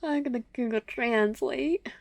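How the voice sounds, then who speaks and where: A woman's voice: fairly high pitch, measured pace, gravelly, no room sound. A woman reading a visual novel fan game aloud, stumbling and restarting words and breaking off into chatty asides. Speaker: gameplay narrator.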